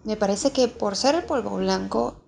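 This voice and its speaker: A woman's voice: mid-range voice, moderate pace, gravelly, a little mellow, slight background noise. A woman hosting a children's channel, narrating a craft tutorial in a friendly way, speaking straight to young viewers. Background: music behind the voice.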